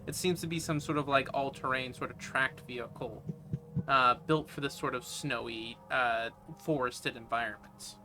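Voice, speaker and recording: A man's voice: mid-range voice, fairly even intonation, moderate pace, pushed and bright, a little hiss or hum. A man narrating a tabletop game as game master, casual and rambling with lots of swearing.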